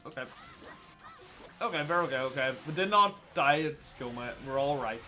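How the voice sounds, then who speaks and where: A man's voice: fairly high pitch, animated, normal speed, pushed and bright, faint music behind. Chatty man playing a game. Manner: chatty, self-mocking, laughs a lot. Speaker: gaming channel host. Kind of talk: casual let's-play commentary.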